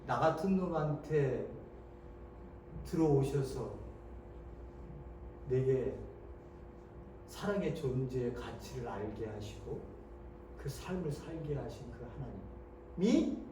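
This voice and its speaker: A male pastor preaching a sermon, moving between hushed tones and loud rhetorical questions. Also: medium pitch, lively intonation, slow pace, long pauses, a little hiss or hum. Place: church sanctuary. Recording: echoey church hall, mic from a distance.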